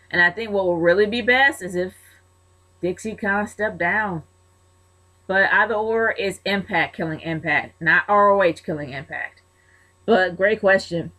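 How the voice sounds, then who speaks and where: A woman's voice: medium pitch, fairly bright tone. Frank, chatty woman vlogger. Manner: frank and chatty, blunt opinions. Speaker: wrestling vlogger answering viewer questions. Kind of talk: casual Q&A commentary.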